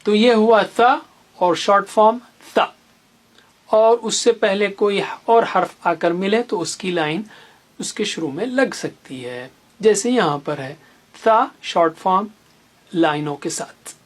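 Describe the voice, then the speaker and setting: Slow calm tajweed teacher, repeats every letter sound, tells little stories to help you remember. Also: medium pitch. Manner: patient, repeats each letter sound slowly. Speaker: Quran teacher. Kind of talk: tajweed lesson for beginners.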